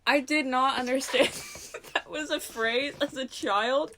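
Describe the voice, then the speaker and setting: A young woman from the US, raised bilingual in Spanish and English, co-hosting a casual chat podcast. Her voice sits fairly high, and she talks in a rambling, playful way. A faint noise hums behind her. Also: fairly even intonation, slow pace, pushed and bright. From United States. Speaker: podcast co-host.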